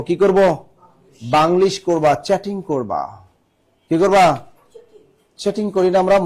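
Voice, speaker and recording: A man's voice: on the high side, a little mellow. Quizzing male teacher, raised voice. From Bangladesh. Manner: repeats key phrases, quizzes the class. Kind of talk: classroom lecture.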